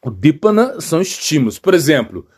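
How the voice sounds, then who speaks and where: A middle-aged man with a Brazilian Portuguese accent, giving a casual storytelling sermon as a monk, animated, with many fillers and repeats. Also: on the high side, brisk, husky. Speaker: monk giving a spiritual talk.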